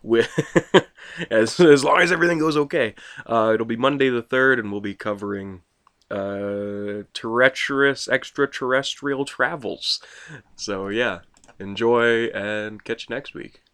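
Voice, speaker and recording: Podcast host, young man, slightly low voice, jokey and quick to laugh. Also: steady tone, a bit bright, clear, resonant tone. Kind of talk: casual podcast chat.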